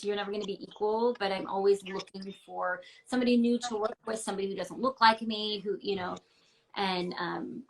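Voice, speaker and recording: This interview guest is a ballet dancer chatting over a video call from her ground floor apartment. She talks with candor and emphasis, leaning on fillers such as "like" and "um," in a medium-pitched voice with vocal fry, and the recording quality is low.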